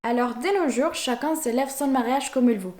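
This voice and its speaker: Music plays behind a young Mexican vlogger as she talks casually to her viewers. She has a high voice, speaks at a normal speed, and is a native Spanish speaker with a Mexican accent.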